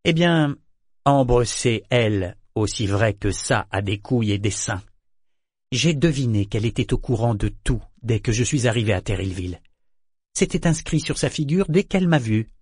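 A man's voice: medium pitch, animated, normal speed, a little mellow, breathy edge, no echo, clean studio sound. A man voicing a blunt, sardonic male sailor in an audiobook, mocking and needling in his delivery. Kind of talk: audiobook character voice.

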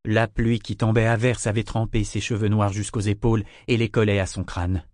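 A man narrating a fantasy audiobook in a measured, dramatic storytelling manner. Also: on the low side, level tone, a little mellow, dry recording, clean studio sound.

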